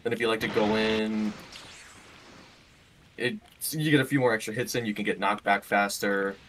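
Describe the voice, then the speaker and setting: A man's voice: lowish voice, steady tone, normal speed, far from the mic, background noise. Casual, swearing game tutorial guy. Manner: loose, joking, swears freely. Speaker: game player explaining combat mechanics.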